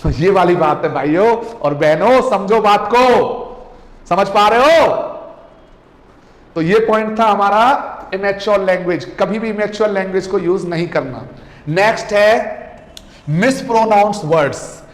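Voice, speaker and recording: High-voiced man coaching in an echoey hall. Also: a little slow. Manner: emphatic, repeats words, rhetorical questions; mixes Hindi and English. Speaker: communication coach. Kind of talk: online class lecture. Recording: echoey room with long reverb.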